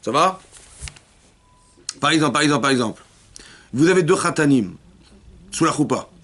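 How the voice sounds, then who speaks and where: A man, a rabbi, teaching a Torah class for women, talking rapidly and repeating himself, often checking that his listeners have understood and acting out little dialogues. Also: a little high, expressive, a bit bright. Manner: acts out dialogues within his explanations.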